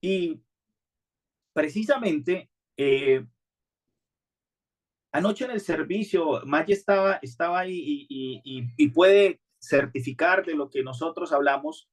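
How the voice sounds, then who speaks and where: A man preaches a sermon to his congregation. His voice sits a little high for a man, and he talks in an earnest, conversational way, often restarting his sentences. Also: takes it slowly. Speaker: pastor.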